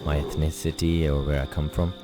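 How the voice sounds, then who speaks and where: Brisk and level-toned, a rumbling low-voiced man gives rambling, self-deprecating let's-play commentary full of fillers for his gaming channel. Originally from Pakistan with Urdu as his first language, he lives in England and records on a poor home mic with loud game music behind him.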